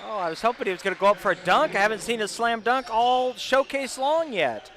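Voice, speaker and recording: A man's voice: very high voice, expressive, fairly quick, fairly bright tone. A man giving casual, chatty color commentary on live basketball from a gym. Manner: informal, chatty reactions. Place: indoor basketball gym, courtside. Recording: noisy gym with bouncing balls.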